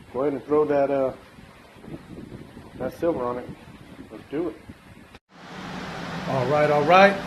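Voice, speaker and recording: Chatty man in a noisy garage. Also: on the high side. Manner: loose, chatty, many fillers and restarts. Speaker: DIY vlogger. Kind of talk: casual workshop narration.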